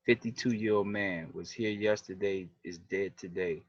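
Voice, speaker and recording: A man's voice: deep voice, steady tone, unhurried, dull audio. A man, leading a community group and earnestly walking viewers through web pages on a livestream. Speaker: community organization leader. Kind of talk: livestream presentation.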